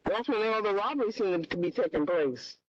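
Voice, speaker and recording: Speaking briskly and with animation, a community member on a call-in line keeps pressing the public meeting for specifics. Her audio is muffled and dull, with just the bass remaining.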